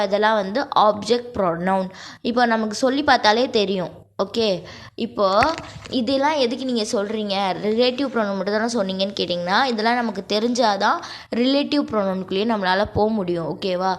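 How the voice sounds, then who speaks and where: Woman, grammar teacher, step-by-step explaining, checks understanding often, slows for dictation. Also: mid-range voice. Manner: slows down to dictate word lists. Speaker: English teacher. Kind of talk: explaining grammar over slides.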